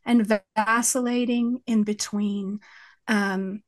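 A woman with a West Texas twang, speaking as an interview guest in a thoughtful, halting way as she searches for words. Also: medium pitch, steady tone. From West Texas, United States. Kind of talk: reflective interview conversation about faith.

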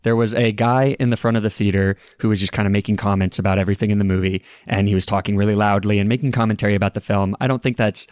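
Guy hosting a movie podcast, lowish voice, chill chatty storytelling, dry close mic. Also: rapid-fire, few pauses, dry recording. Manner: relaxed storytelling, conversational. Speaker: podcast co-host. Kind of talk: casual film review podcast.

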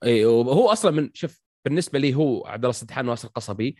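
Blunt Saudi man talking fast. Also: mid-range voice, expressive, a little mellow, dry recording, studio quality. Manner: blunt, slangy, opinionated. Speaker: podcast panelist. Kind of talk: casual chat.

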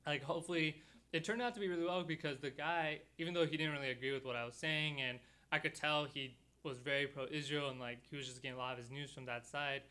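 Young man, podcast host, bright tone, clear crisp voice, casual storytelling, studio. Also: fairly high pitch, fast. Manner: relaxed storytelling with many fillers.

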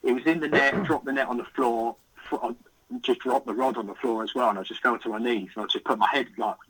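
A young man, a podcast guest recounting a catch in excited, vivid casual chat with the odd swear word. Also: medium pitch, fast talker, poor audio. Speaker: podcast guest, carp angler.

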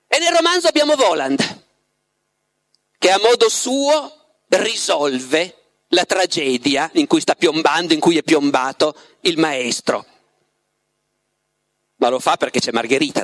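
A man's voice: fairly high pitch, a bit bright, no room sound. A man giving a public lecture that retells a novel and reads passages from it with dramatic expression. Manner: storytelling with dramatic reading.

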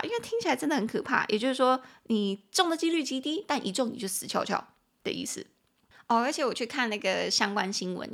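A woman with a Taiwanese Mandarin accent hosting an English-lesson podcast, reading English sentences slowly, then explaining and spelling them in a chatty way. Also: mid-range voice, gravelly, a bit bright. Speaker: English teacher and podcast host. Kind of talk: bilingual language-lesson podcast.

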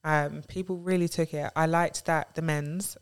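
A woman's voice: low voice, fairly even intonation, normal speed, a crowd in the background. A young woman, chatting casually and expressively as a podcast co-host. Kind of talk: casual chat.

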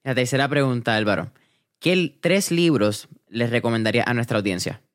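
A man's voice: mid-range voice, brisk. A man hosting an interview podcast, chatting casually and dropping English words into his speech. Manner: relaxed, mixes English words into Spanish. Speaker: podcast host interviewing an entrepreneur.

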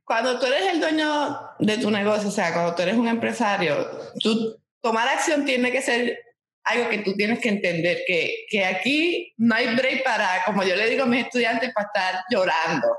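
A woman's voice: a little high, lively intonation, normal speed, a bit bright, echoey room. A woman entrepreneur, answering an interview in an emphatic, no-excuses way. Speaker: entrepreneur guest.

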